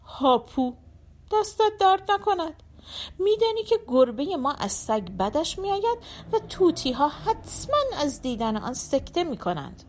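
A woman voicing an exasperated wife who scolds her absent-minded husband in a shrill voice. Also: big pitch swings, a little mellow. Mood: sarcastic. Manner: shrill, rapid-fire complaints.

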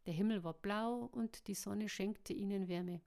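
A woman narrating a storybook chapter in a steady, even reading voice. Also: medium pitch, unhurried. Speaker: audiobook narrator.

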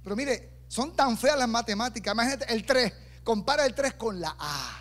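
A man with a strikingly high voice preaches a lively sermon. He slips into voices for the people in his story and drops joking asides to the congregation. He sounds middle-aged and speaks with the easy rhythm of a seasoned pastor. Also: moderate pace. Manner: animated preaching, acting out quoted voices with humorous asides.

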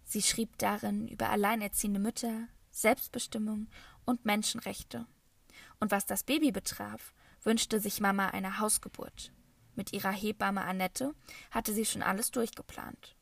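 A woman reading a children's novel as first-person scripted narration, in a calm storytelling manner. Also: medium pitch, measured pace, gravelly, husky, no room sound. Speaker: audiobook reader.

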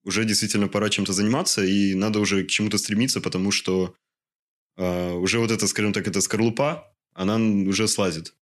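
A young man in his twenties with a very low voice answers interview questions. He talks haltingly and searches for his words. He pads his thoughts with small fillers. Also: steady tone. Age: 20s. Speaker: interview guest. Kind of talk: casual interview conversation.

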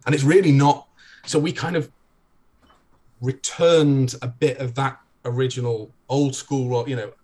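A man, a game designer guest on a podcast, explaining in a steady, methodical way. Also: medium pitch, unhurried. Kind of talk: podcast conversation.

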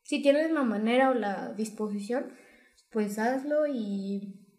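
A woman's voice: fairly high pitch, slow pace. A woman co-hosting a podcast, chatting casually and telling stories with lots of giggling. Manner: giggly, animated storytelling. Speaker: podcast co-host. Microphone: podcast microphone. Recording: roomy echo.

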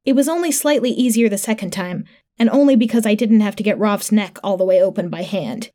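Woman reading a grim space horror story in first person, matter-of-fact, soft mellow voice. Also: medium pitch, fairly quick. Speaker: narrator. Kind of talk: first-person fiction narration.

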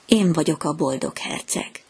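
A woman's voice: deep voice, a little mellow, slightly rough. A woman reading as a sorrowful statue prince.

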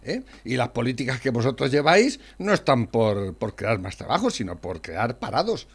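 A man, co-hosting a casual political chat, loud and laughing easily. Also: mid-range voice, sing-song, normal speed, breathy edge. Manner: rattles off a long word list loudly, then chats with laughs. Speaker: co-host.

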